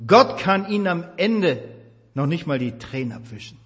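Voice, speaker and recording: A man preaching a sermon with passion, moving between loud emphasis and hushed tenderness. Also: on the high side, big pitch swings, normal speed. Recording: reverberant hall.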